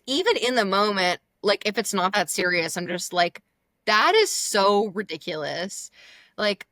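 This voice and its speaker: A woman's voice: mid-range voice, dry recording. A young woman, a guest comedian, telling a story in casual chat, filler-heavy, and acting out the dialogue. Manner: animated, lots of "like", acts out dialogue.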